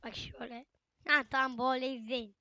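A woman's voice: sits high, little pitch movement, fairly quick, pushed and bright, highs cut off. A young woman giving casual, chatty gameplay commentary, often exclaiming and talking straight to her viewers. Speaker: gaming channel host.

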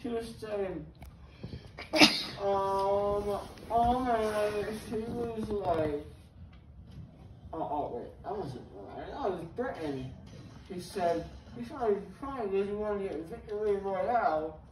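A young man, loopy and rambling after wisdom teeth removal, chatting excitably and repeating himself while playing a video game. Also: high voice, slow. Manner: excitable, repetitive, protesting. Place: carpeted game room at home. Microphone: phone camera across the room. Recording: echoey, noisy room, far from mic.

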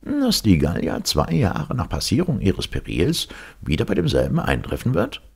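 Man putting on a shrill pedantic old professor. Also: huge pitch swings, moderate pace, creaky, husky, heavily acted. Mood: dry, pedantic. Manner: dry lecturing tone. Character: strict pedantic male professor, dry and snappish.

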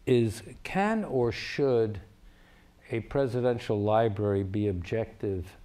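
An older man, a former ambassador, moderating a panel and telling an animated anecdote. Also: on the low side, takes it slowly. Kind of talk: panel discussion storytelling.

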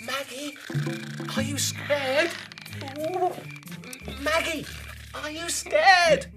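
A woman's voice: on the high side, big pitch swings, drawn-out words, heavily acted. A woman voicing Steve, a whiny scared cartoon boy. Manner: whiny, sing-song complaining. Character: clumsy, easily scared male cartoon friend. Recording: loud cartoon music underneath.

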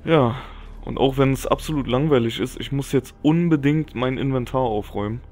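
A man's voice: medium pitch, fairly quick, a little mellow. A man giving casual gameplay commentary as a let's player. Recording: game music and effects behind. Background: video game music and action sounds.

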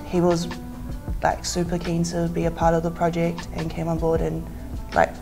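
A young New woman speaks earnestly in a low, fairly flat voice with a gravelly edge, and "like" runs through her sentences. Music plays clearly under her. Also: normal speed. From South Auckland, New Zealand. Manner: earnest, heavy use of "like". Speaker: producer. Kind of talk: casual interview.

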